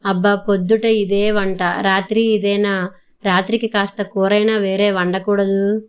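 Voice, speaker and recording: A woman voicing a short-tempered, remorseful husband in a storybook reading, with a smooth, even voice. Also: mid-range voice, a little slow, lightly acted. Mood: irritable. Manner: irritable, complaining.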